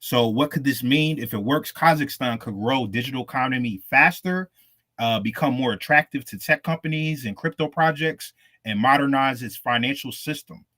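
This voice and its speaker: Reading crypto news stories as a podcast co-host, a man keeps things casual and slangy, calling the audience "fam." He speaks at normal speed with a medium pitch and a sharp tone.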